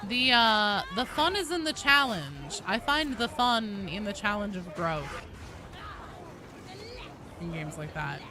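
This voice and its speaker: This woman streams games and chats casually with viewers while she plays, her medium-pitched voice very animated but slow, with frequent pauses. She's blunt, sweary and prone to dramatic emphasis, and game sounds run behind her live commentary.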